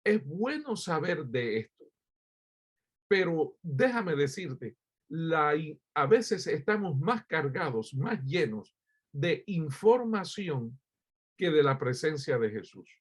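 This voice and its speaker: A man's voice: fairly high pitch, very animated, takes it slowly, breathy edge. A man from Cuba preaching a sermon as pastor, addressing listeners directly with rhetorical questions and frequent hesitant fillers.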